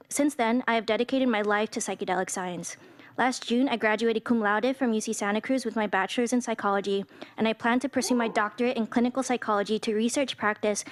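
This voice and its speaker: A woman in her twenties giving an earnest, prepared public comment to a city council. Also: fairly high pitch. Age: 20s. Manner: earnest, reading a prepared statement.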